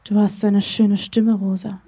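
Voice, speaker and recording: A woman reading aloud and voicing a gentle, adoring young man in a romance story, speaking softly and lovingly. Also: medium pitch, flat delivery, a little slow, husky. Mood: tender.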